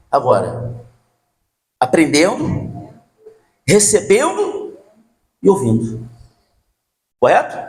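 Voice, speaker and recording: An older man preaching a sermon as pastor, asking the congregation questions and telling stories from his life. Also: sits high. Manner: rhetorical questions to the congregation, animated storytelling.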